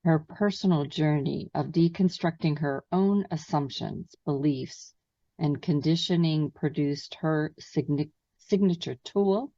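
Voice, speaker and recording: With a low, creaky, mellow voice, the podcast host stumbles slightly through her guest's bio and then starts asking questions. The recording is dry, with a distant, dull mic sound.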